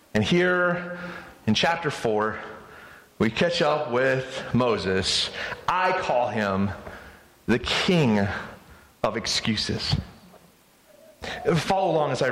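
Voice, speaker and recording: A man's voice: mid-range voice, fairly bright tone, reverberant, low-quality recording. A male pastor preaching a sermon in an earnest way, often stammering into restarts.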